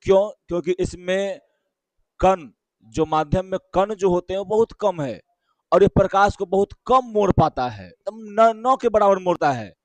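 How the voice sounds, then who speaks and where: A man with a Bihari Hindi accent teaching a physics class, explaining slowly, repeating key terms and checking again and again whether students follow. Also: high voice, expressive, dry recording. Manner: keeps asking students short check questions.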